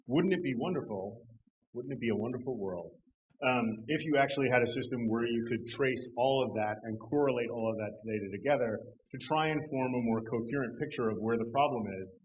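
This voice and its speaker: A middle-aged man presenting a technical talk at a conference, relaxed and conversational, with dry humor and frequent "um"s. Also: mid-range voice, a little hiss or hum, rough recording. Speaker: conference speaker. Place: conference hall.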